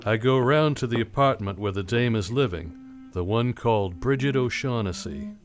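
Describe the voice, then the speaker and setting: A man's voice: mid-range voice, normal speed, natural voice. Man playing hard-boiled noir private detective Sam Spade. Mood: cool, wry. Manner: slangy, matter-of-fact storytelling. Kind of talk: 1940s-style noir radio drama narration. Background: music.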